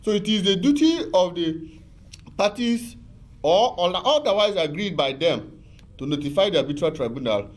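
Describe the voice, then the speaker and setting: A man's voice: high-pitched, lively intonation, normal speed. A man explaining arbitration law as a guest on a TV talk show, patient and repetitive, with many fillers and restarts. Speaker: legal expert guest.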